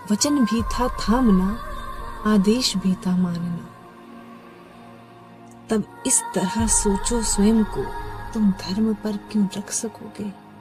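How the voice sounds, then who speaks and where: A woman reciting devotional poetry with expressive delivery, her voice swelling and sinking to soft near-whispers on the refrains. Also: mid-range voice, slow, long pauses. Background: faint background music.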